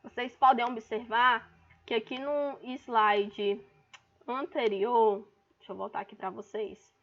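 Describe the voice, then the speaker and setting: Brazilian woman teacher, explains step by step and calls out stressed syllables, a bit high-pitched, muffled lo-fi recording. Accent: Brazilian Portuguese. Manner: explanatory, stresses syllables by calling words out loud. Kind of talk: online class lesson. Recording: dull lo-fi recording.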